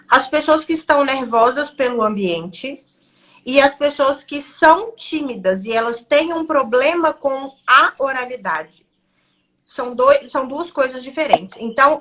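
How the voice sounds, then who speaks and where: A young woman with a Brazilian Portuguese accent, talking as a defense lawyer on a podcast. Her voice sits high and sounds bright and sharp. She advises emphatically and tells her stories with energy. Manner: emphatic, advising, lively storytelling. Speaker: criminal defense lawyer, guest. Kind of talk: podcast conversation.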